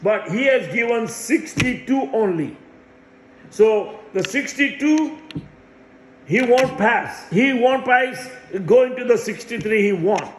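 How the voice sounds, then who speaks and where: A man's voice: very high-pitched, lively intonation, slow, reverberant, a little hiss or hum, rough recording. A man in his sixties giving a rambling religious monologue as a self-proclaimed messiah, insistent and repeating phrases for emphasis. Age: 60s.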